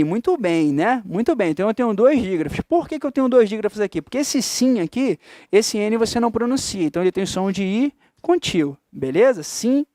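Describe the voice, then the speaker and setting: A man's voice: high voice, a little mellow, no echo, studio quality. A man giving a classroom lecture, chatty and constantly checking in with his students. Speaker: teacher.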